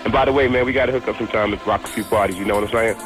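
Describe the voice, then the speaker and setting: A man's voice: fairly low pitch, rapid-fire, over loud music. Tired DJ man on a landline voicemail. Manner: laid-back, slangy shout-outs. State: tired, exhausted. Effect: heard over a landline phone as a voicemail message. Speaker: DJ leaving a voicemail.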